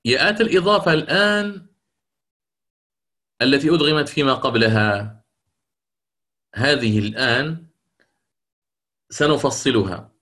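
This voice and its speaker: Male recitation teacher, measured classroom delivery, repeats points for emphasis, mid pitch. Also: a bit bright. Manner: deliberate, repeats key points. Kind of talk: classroom lecture.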